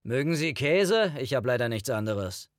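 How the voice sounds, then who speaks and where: A man's voice: medium pitch, very animated, moderate pace, dry recording, lightly acted. A man doing a curt, weary man in his sixties. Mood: gruffly hospitable. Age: 60s. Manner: curt, dry, resigned. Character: gruff, suspicious, weary man past sixty.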